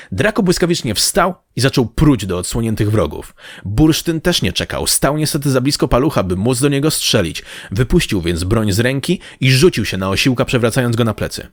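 A man narrating an action audiobook in a steady, even storytelling manner. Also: medium pitch, fairly quick, no echo, studio quality.

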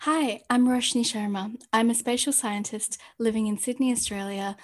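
A woman's voice: fairly high pitch, moderate pace. Woman hosting a leadership podcast. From New Zealand. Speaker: podcast host.

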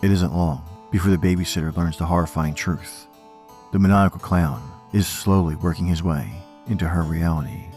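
A man's voice: deep voice, steady tone, normal speed, darkish tone. A man narrating as a horror host, scripted and playfully macabre, teasing the listener. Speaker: host of a horror storytelling podcast. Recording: music under the voice.

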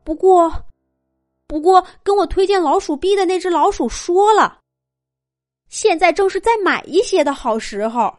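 A father mouse in a storybook, anxious and scheming, voiced by a woman narrator, his voice raised high and quickening as he convinces himself. Soft music plays underneath. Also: expressive, no echo, clean studio sound. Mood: eager.

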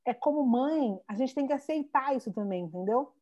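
A woman with a Brazilian Portuguese accent, a mother speaking as an interview guest. She tells stories in a lively way and acts out what other people said. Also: sits high, normal speed, lo-fi sound. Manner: animated storytelling, acts out quoted voices. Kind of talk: casual conversation.

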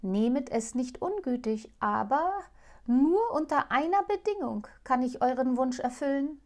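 A mournful princess trapped in an owl's body, voiced by a woman reading aloud, plaintive and gentle. Her voice sits a little high and lifts further when she pleads. She speaks in a formal, old-fashioned fairy tale manner. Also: animated, unhurried. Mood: hopeful pleading. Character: sorrowful enchanted princess turned owl, female.

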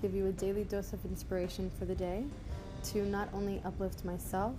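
A young adult woman hosts her own motivational podcast, talking casually and candidly with a halting delivery and an occasional stutter. Her mid-range voice holds a level tone over music. The recording is rough, with noticeable background noise.

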